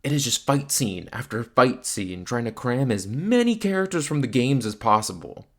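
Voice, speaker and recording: This voice-over comes from a male film reviewer and video host, with faint music underneath. His mid-range voice is creaky and sing-song at a moderate pace, and his scripted delivery is wry, casual and opinionated.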